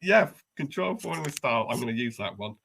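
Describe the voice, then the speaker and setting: A man co-hosting a podcast, telling a story in a wry, self-deprecating, animated way. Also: mid-range voice, fast, creaky, a little hiss or hum. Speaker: podcast co-host. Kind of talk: casual storytelling chat.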